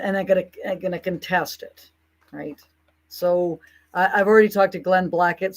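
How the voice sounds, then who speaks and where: A woman's voice: fairly low pitch, a little mellow. A woman talking casually to her audience in an indignant, rambling monologue, often breaking into mocking asides. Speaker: commentator.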